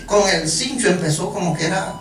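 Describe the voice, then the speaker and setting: A preacher giving a joking, animated sermon, often stumbling over repeated words. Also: medium pitch. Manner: animated, joking, halting restarts. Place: church hall. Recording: echoey room from far off, music behind.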